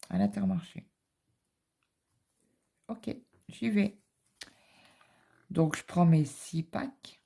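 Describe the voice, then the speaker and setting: A woman's voice: medium pitch, very slow, creaky, long pauses, mellow, breathy edge. A middle-aged woman, chatting casually and rambling through a story while she stitches in her home office. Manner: rambling anecdotal storytelling with many fillers. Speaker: cross-stitch vlogger.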